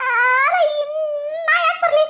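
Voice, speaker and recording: A woman's voice: very high-pitched, measured pace, noisy background. A woman with a North Karnataka Kannada accent voicing a frightened cartoon character who stammers and pleads tearfully. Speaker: cartoon channel creator. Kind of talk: cartoon voice acting.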